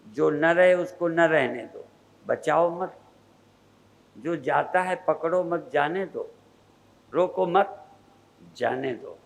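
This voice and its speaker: Older male guru, sermon delivery, unhurried and repetitive, pitched high. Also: low-quality recording. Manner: measured, repetitive preaching cadence. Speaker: spiritual teacher.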